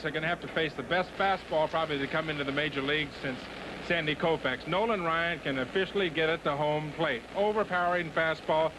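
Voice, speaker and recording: A man giving sports commentary as a baseball broadcast analyst. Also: a little high. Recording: broadcast with clear outdoor stadium noise. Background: outdoor stadium noise.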